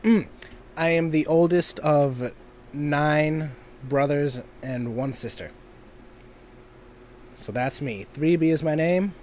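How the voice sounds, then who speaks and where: Speaking slowly with long pauses, a young Minnesota man who's an amateur voice actor rambles through a casual vlog, full of ums and self-deprecating remarks. His voice is a little high with a darkish tone, and a bit of hiss or hum is audible.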